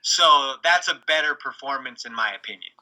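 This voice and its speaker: Podcast guy w a really bright sharp voice, mid pitch, confident takes. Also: lively intonation, normal speed, low-quality recording. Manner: confident, opinionated analysis. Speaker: podcast co-host. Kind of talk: casual sports podcast chat.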